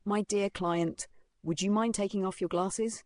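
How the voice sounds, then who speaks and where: A narrator voicing a polite, professional barber who speaks courteously and smoothly. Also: medium pitch, steady tone, a little slow, no echo, studio quality, voice pushed up, lightly acted.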